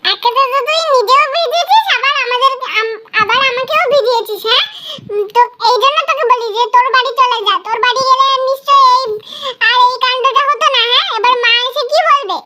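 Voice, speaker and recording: Woman doing a little cartoon girl, very high, bright, bossy, shrill, giggly. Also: brisk. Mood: scolding. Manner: scolding, giggling, shrill outbursts. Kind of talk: doll cartoon voice acting.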